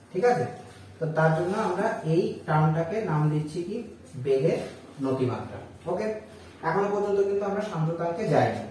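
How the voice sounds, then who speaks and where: A man's voice: a little high, darkish tone. Echoey distant male physics teacher. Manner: repeats and asks students rhetorical questions. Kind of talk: board lesson explanation. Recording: echoey room heard from a distance with faint noise.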